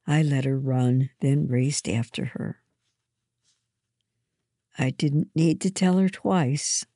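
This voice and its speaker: A woman reading a first-person story aloud in a gentle, measured way. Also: rumbling low, gravelly, no echo, clean studio sound. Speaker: narrator.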